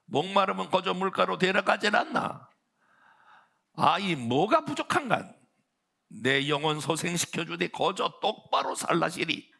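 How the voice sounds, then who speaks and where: A man putting on a Pyongan dialect, lilting upward with questions and stretched words. The voice sits well above his usual pitch and has a gravelly, bright edge. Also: very animated, exaggerated voice. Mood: folksy. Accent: Pyongan dialect, put on. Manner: drawn-out questioning, folksy.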